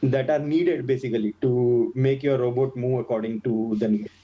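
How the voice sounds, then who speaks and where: A man joining an online technical meeting, speaking haltingly with restarts. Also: medium pitch, dull audio. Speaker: meetup participant. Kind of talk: casual online meeting discussion.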